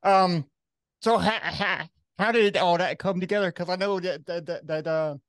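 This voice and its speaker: A man in his forties hosting a casual interview, asking questions in a halting way with many fillers and restarts. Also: sits high, no echo. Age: 40s. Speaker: podcast host.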